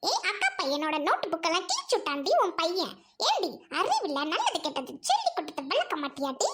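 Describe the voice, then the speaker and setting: A woman playing a loud quarrelsome neighbor woman. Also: huge pitch swings, brisk, heavy background noise, exaggerated voice. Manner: shrill, insulting.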